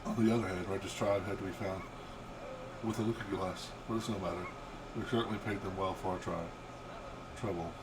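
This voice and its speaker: An older man voicing a playful, irreverent young noblewoman from a video game, lively and emphatic, over background noise. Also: low-pitched, fairly quick, lightly acted. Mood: matter-of-fact. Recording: steady background hum and noise.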